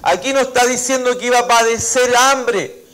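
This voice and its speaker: Chilean pastor preaching at a church service, male, high tenor voice, reads scripture aloud, acts out the dialogue, keeps saying amén. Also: normal speed, a bit bright, clean tone, poor audio. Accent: Chilean Spanish. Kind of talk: sermon.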